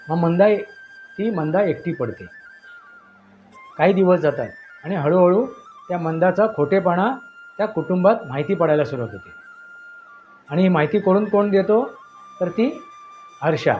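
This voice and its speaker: A man with a high voice tells a horror tale with drama, leaning on repeated phrases. The sound is dull and lo-fi. Faint music plays underneath. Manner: emphatic, repetitive phrasing. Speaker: storyteller. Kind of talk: dramatic horror story narration.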